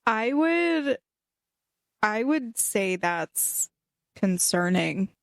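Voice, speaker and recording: A woman's voice: mid-range voice, sing-song, drawn-out words, creaky, dry recording. A woman co-hosting a podcast in casual chat, with a blunt, dramatic way of retelling. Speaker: podcast co-host.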